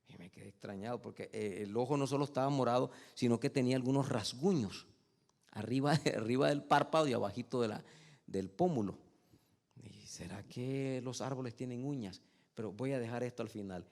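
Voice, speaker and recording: A male pastor delivering a sermon. He tells stories in a conversational way, then builds to loud, emphatic preaching and keeps calling his listeners "brother.". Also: medium pitch, brisk, gravelly, big-room sound. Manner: addresses listeners as "hermano". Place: church service.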